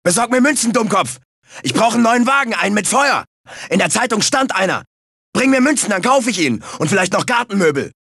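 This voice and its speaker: Muscle-bound bandicoot, video game cartoon, gravelly, forceful, dry close sound, bossy, boastful, childish temper. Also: male voice, high-pitched, expressive, brisk, no room sound, full character voice. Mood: bossy, excited. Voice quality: gravelly, raspy. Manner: blunt simple third-person talk, bossy and taunting.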